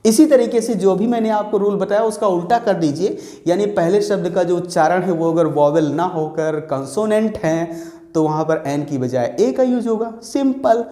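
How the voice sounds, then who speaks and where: A male teacher walks through a grammar lesson step by step, repeating points and answering his own questions. His voice sounds dark and mellow. The room around him echoes. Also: high voice, normal speed. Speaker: English teacher.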